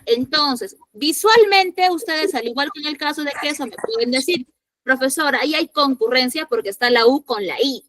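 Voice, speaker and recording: Woman teacher, high and bright voice, patient, repeats herself, keeps checking the class understands. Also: dry recording, low-quality recording. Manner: patient, repeats points and asks rhetorical check questions; voices imagined student objections. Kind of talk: classroom grammar lesson.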